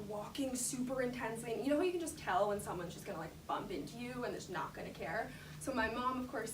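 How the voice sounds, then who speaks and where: Young woman laughing through a story, echoey room. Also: on the high side. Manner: lots of fillers, frequent laughter. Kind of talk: casual anecdote. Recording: echoey room, distant mic, background noise.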